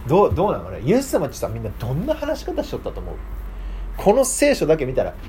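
Here the man teaching the Bible class sounds a little high and talks fast, with some slight background noise. He keeps the casual lesson lively and interactive by repeatedly asking the group questions.

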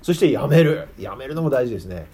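This children's preacher talks fast and animatedly in a medium-pitched voice with a dark tone. His sermon is casual and chatty, full of questions for the kids.

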